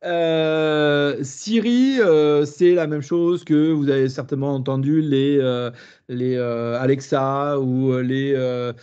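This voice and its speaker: A man's voice: mid-range voice, slow pace, a little mellow, smooth, lo-fi sound. A man with a southern French accent leading a live webinar demonstration as trainer, hesitant with many fillers and restarts.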